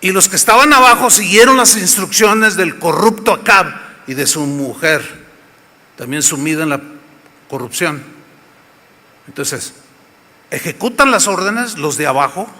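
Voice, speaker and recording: A man's voice: sits high, sharp tone. A man with a Mexican accent preaching a sermon, telling a story dramatically and asking the audience rhetorical questions. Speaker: pastor. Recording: echoey hall.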